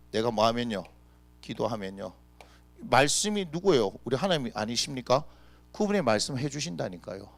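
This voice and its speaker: A male pastor preaching a lively, conversational sermon full of rhetorical questions. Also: mid-range voice, no echo. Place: church.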